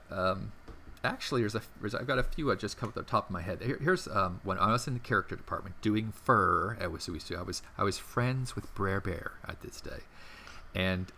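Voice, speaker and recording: A middle-aged man with a very low, gravelly voice that still has a bright, forward edge. He tells long stories in a casual interview, rambling and animated, full of restarts and fillers. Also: a little hiss or hum. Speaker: interview guest, former theme park entertainment manager.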